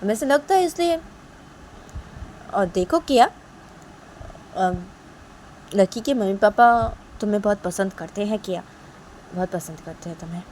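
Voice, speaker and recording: A woman's voice: medium pitch, normal speed, long pauses, warm tone, a little hiss or hum, natural voice. Woman as a suspicious prying mother. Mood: probing. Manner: questioning, nagging with tag questions. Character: middle-aged mother, suspicious, probing.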